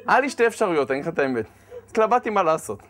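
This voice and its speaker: A man, a rabbi, giving a humorous sermon, acting out scenes with laughter and shouted lines. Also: on the high side, very animated.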